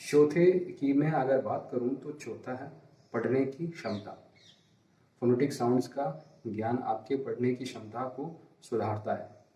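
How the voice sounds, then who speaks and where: A male teacher with a mellow, dark tone works through his points in order. His voice sounds distant from the mic and echoes around a bare room. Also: medium pitch. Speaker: English language teacher. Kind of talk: spoken language lesson. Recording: roomy echo, voice from far off mic.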